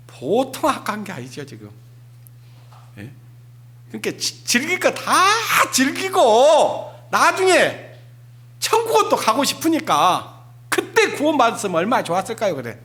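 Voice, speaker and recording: A pastor preaching an emphatic Sunday sermon, firing rhetorical questions at the congregation. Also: male voice, sits high, fairly bright tone.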